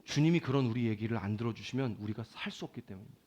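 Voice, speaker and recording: A man preaching a Sunday sermon as pastor, swinging from loud pleading to quiet, confiding talk. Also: medium pitch, rapid-fire.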